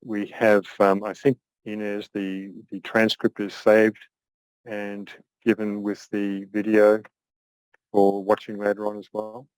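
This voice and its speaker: Older man lecturing in a halting, dry voice. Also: fairly low pitch, completely flat delivery, a little mellow, smooth, no echo, rough recording. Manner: thoughtful, halting, many restarts. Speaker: astrology teacher. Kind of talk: online class lecture.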